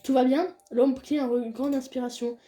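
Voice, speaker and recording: A young woman plays a visual novel, reading its dialogue in a soft, low voice and then chatting loudly and excitedly between scenes. It's casual let's-play commentary at a normal pace, with soft music in the background.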